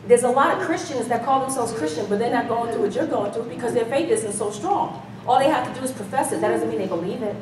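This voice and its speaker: A middle-aged American woman with a high-sitting voice preaches a folksy, emphatic, conversational sermon with call-and-response, speaking directly to the congregation from a church stage indoors. The recording is very noisy, made with a distant mic in an echoey hall, with the audience murmuring.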